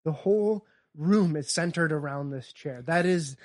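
With a fairly high voice and a measured pace, this podcast co-host talks casually, cracking wry jokes and acting out comedy bits.

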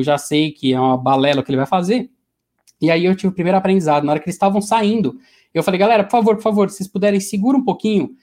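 Fast-talking Brazilian motivational speaker. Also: male voice, high voice. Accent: Brazilian Portuguese. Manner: animated, conversational storyteller. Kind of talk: storytelling in an interview.

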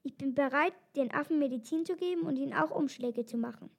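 Verlegener Löwe, von einer Frau gelesen. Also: female voice, high voice, fast talker, vocal fry. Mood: shy. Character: proud male lion, ashamed and shy.

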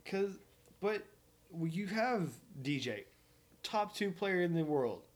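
A man from Oklahoma co-hosts a laid-back golf podcast, talking in a fairly high voice. He rambles, pokes fun at himself and keeps the chat loose and easy. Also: animated, takes it slowly. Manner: joking, rambling, self-mocking. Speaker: podcast co-host. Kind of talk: casual sports chat.

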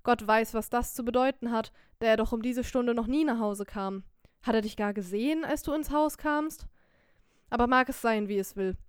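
A woman voicing a young, poor, quick-witted wife in an audiobook, scolding loudly and lamenting theatrically. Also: fairly high pitch, clear, resonant tone, no echo, studio quality, close to an everyday voice. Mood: alarmed. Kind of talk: audiobook character voice.

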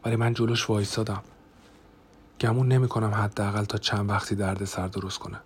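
A man narrating a first-person diary audiobook in a steady, even manner. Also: lowish voice, slight background noise.

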